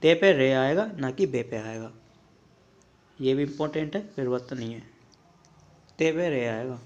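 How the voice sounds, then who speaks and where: A young man teaching correct spellings in a lesson, setting each wrong form against the right one and checking in often with a quick "okay". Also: medium pitch, muffled recording. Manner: repetitive drilling, checks in with "ठीक है" often; contrasts the wrong form with the right one, pausing mid-word. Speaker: Hindi teacher. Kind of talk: spelling lesson for exam prep.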